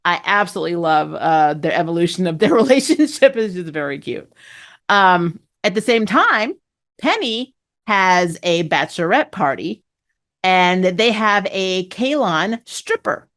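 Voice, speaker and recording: The host of a fan TV review channel, a woman, recaps a show casually, gushing with chatty, slangy enthusiasm and plenty of opinions. Her voice sits on the low side with a fairly bright tone, very animated but a little slow.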